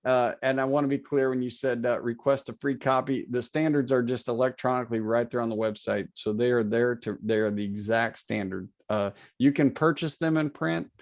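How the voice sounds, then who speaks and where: Male presenter on a video call, mid pitch, earnest and a bit self-deprecating, lots of "uh". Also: fairly even intonation, brisk, few pauses. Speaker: guest presenter. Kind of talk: webinar presentation.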